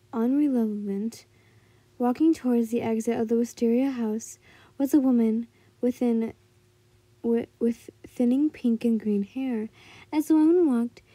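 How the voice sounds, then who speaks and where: Amateur female story narrator, high and very mellow, halting delivery with frequent stumbles. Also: slightly rough, dry recording. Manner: halting, stumbles over words and corrects herself.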